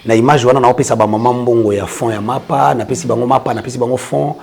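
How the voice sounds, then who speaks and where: A man's voice: medium pitch, fairly even intonation, fast, creaky, darkish tone, slight background noise. A man, a church prophet explaining his work in an earnest casual interview. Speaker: church prophet and orphanage founder.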